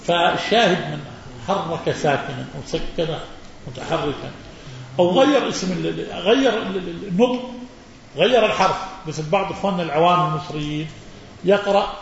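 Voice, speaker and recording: A man giving a religious lesson and answering questions from listeners, his voice sitting a little high. He speaks with emphatic, animated stress, acting out mispronunciations. The recording is muffled and swims in heavy hall echo, with faint background noise. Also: fairly quick, vocal fry, a crowd in the background.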